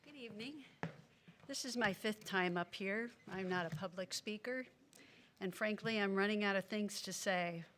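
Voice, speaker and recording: A woman's voice: mid-range voice, normal speed, pauses often, a bit bright, a little hiss or hum. A woman giving public comment at a city council meeting, indignant and earnest, speaking into a podium microphone. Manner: indignant, earnest, apologetic asides.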